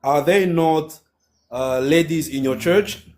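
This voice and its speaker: A man in his thirties with a Congolese French accent, a native French speaker answering in halting, simple English in a casual live interview. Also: fairly high pitch, a little mellow. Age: 30s. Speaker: pastor, guest caller. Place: live video call.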